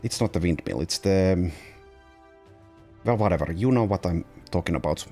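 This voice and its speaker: Low, musing man commenting on gameplay. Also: expressive, normal speed, warm tone, soft background music. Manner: musing, thinking aloud with fillers. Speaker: let's play host.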